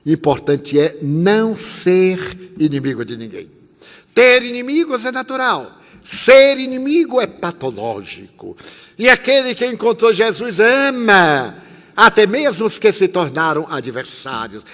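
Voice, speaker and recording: A man in his eighties giving a spiritist sermon, telling a story with lively swings between loud and soft and acting out the dialogue. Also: high-pitched, unhurried. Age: 80s. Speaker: spiritist speaker. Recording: long hall reverb.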